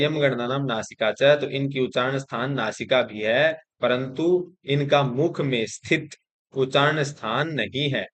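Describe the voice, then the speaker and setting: A man's voice: mid-range voice, a bit bright. A man teaching an exam-prep Sanskrit grammar lesson in Hindi. He recites the rules, explains them step by step and keeps checking in with the class. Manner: explains step by step, often saying 'theek hai' to check in.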